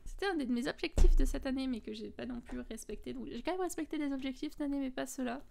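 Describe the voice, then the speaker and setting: A French woman with a high, fast, slightly mellow voice and some vocal fry chats casually as she shows off her finished coloring pages. A coloring book vlogger, she lists her art supplies, using lots of fillers and correcting herself along the way.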